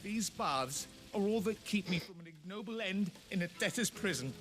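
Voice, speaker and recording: An actor playing a desperate, pleading bathhouse owner in a video game. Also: male voice, sits high, lively intonation, moderate pace, fairly bright tone, soft background music. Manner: pleading, anxious. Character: desperate middle-aged male bathhouse owner.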